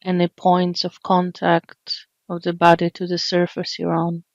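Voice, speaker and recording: Guiding a body scan, this woman speaks in a soft, calming, unhurried way and leaves long gaps between phrases. She's on the low side and monotone, barely rising or falling, in a dry, slightly dull recording.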